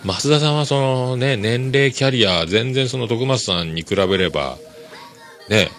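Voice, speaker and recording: A man hosts a casual solo podcast. His voice sits low but sounds bright and forceful, with a lively, swinging pitch. Soft music plays faintly behind him. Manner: chatty, enthusiastic, laughs softly between remarks. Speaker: podcast host.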